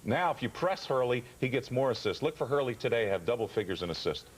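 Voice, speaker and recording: A man's voice: mid-range voice, expressive, fast, slight background noise, poor audio. A man giving basketball analysis on a sports panel.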